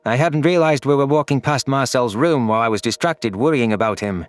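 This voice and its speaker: This man, narrator of a scripted sci-fi audio story, voices an anguished, guilt-stricken alien in the first person. He speaks fairly quickly in a mid-range voice, and there's no room sound.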